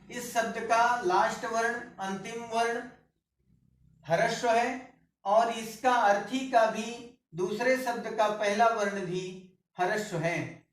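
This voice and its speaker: A man teaching a grammar lesson at a board, speaking slowly and repeating each word as he writes it, sometimes correcting himself. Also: high-pitched, far from the mic. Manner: slow, repeats words while writing on a board. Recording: roomy echo, speaker away from the mic.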